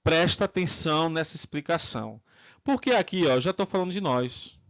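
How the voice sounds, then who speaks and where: A Brazilian man with a Brazilian Portuguese accent teaching English grammar, drilling students with repeated prompts and modeling phrases slowly. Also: fairly high pitch, animated, a bit bright, lo-fi sound. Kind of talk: online English lesson.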